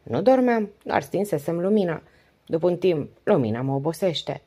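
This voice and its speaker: Devoted middle-aged wife, long flowing confidences, low warm voice, read by a woman. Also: sing-song, slightly rough. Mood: confiding. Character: 48-year-old wife, talkative, devoted, weary.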